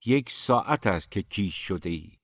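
A man's voice: sits low, animated, a bit bright, no echo, clean studio sound, exaggerated voice. A man reading an audiobook, voicing a blunt, outspoken young woman.

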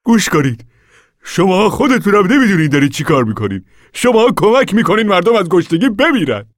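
A man voicing an earnest, calm, reflective preacher type who talks things through. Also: mid-range voice, no echo, clean studio sound, pitched above the performer's own voice, close to an everyday voice. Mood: pleading, urgent. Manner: reassuring, thoughtful, storytelling.

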